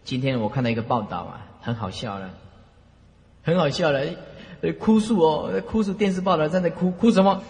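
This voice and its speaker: A man's voice: on the high side, a little fast. A man with a Taiwanese Mandarin accent giving a lecture to students, telling stories with lots of repeated phrases. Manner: animated storyteller who repeats phrases. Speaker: Buddhist lecturer. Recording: long reverb hall.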